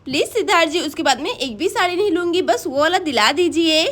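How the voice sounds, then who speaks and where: A sulky young wife in a doll story pleads and whines in a very high, thin voice, as a woman voices her. Her tearful begging runs through every line. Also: lively intonation, quick pace, fairly bright tone. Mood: pleading.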